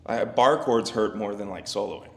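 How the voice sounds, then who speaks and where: A man with a lowish, gravelly voice answers as a podcast guest. He is laid-back and joking, with easy hesitations. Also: normal speed. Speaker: guest, professional musician. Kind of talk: casual interview chat.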